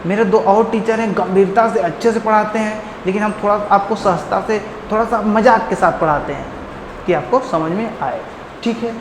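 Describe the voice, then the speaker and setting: A man teaching a Hindi grammar lesson in a playful, joking way, warmly calling his listeners friends and drawing out words to demonstrate them. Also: high voice, normal speed. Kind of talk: online classroom lesson. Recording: echoey room with long reverb and faint noise.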